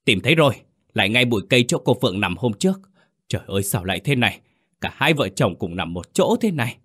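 A man doing a panicked shouting villager. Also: medium pitch, sing-song, slightly rough, voice pushed up. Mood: alarmed. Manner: hurried, alarmed.

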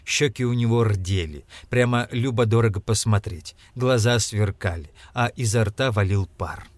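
A man narrating an audiobook with expressive storytelling. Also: on the low side, normal speed, no echo.

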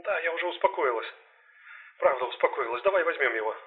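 A man reading an audiobook, voicing a shaken young female police partner who speaks in a shaky, hushed way. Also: on the high side, expressive, fast talker, narrow, tinny audio, natural voice. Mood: tearful.

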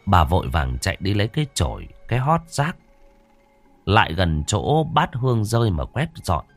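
A man's voice: fairly low pitch, very animated, moderate pace, no room sound, faint music behind. A man narrating a ghost story expressively.

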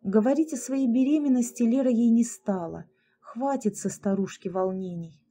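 A woman narrating a dramatic story in a calm, measured audiobook reading. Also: fairly high pitch. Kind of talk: scripted narration.

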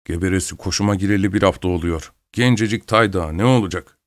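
A man doing a low, muttering coachman. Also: fast talker, dry recording, studio quality, lightly acted. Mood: grumbling. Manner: grumbling, muttering. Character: grumbling frightened male coachman.

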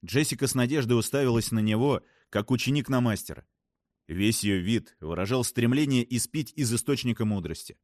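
A man narrating an audiobook in a calm, even reading voice. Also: mid-range voice, brisk, no room sound, studio quality. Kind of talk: scripted narration.

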